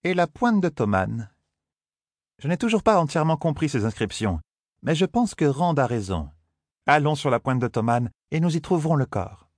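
A man voicing a calm, learned female sorceress, in a measured, explanatory way, for a fantasy audiobook. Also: a little high, dry recording, clean studio sound, voice pushed up. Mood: thoughtful. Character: female Aes Sedai scholar, calm and knowing.

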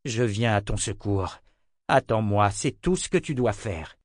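A man voicing a calm, resolute male adventurer who gives firm orders in a storybook reading. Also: medium pitch, moderate pace, dry recording, studio quality, close to an everyday voice.

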